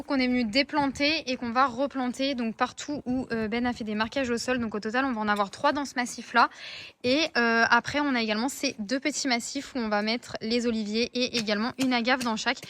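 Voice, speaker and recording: A woman's voice: fairly high pitch, a bit bright, reverberant, a little hiss or hum. A woman in her twenties chatting casually as a beauty vlogger, with frequent hesitations. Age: 20s. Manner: chatty, frequent "euh" fillers. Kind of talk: casual vlog chat.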